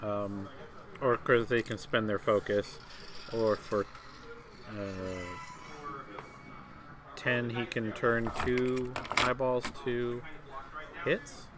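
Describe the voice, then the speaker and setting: Guy doing casual play-by-play for a tabletop game, kinda halting, lots of ums. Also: medium pitch, little pitch movement, noisy background. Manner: conversational, hesitant with fillers and restarts. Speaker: tournament commentator. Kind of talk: live game commentary.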